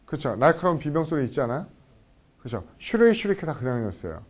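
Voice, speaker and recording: Animated, husky-voiced man lecturing a class. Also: on the high side, fast talker. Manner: animated, constantly checks in with the class. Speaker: English vocabulary lecturer.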